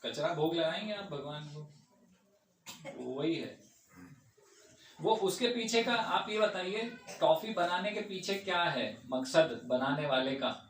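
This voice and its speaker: In a temple hall, a man leads a relaxed question-and-answer session as a devotee fielding audience questions, often checking that his listeners agree. His voice sits fairly high and a little bright, with lively intonation and an unhurried delivery. The room echoes, he's far from the mic, and a faint hum runs underneath.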